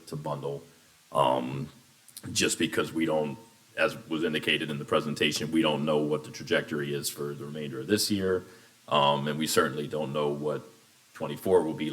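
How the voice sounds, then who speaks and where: Very deep-voiced man dictating requests. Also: fairly bright tone. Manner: measured, deliberate, slows down to dictate requests. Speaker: union coalition spokesperson. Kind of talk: formal negotiation statement.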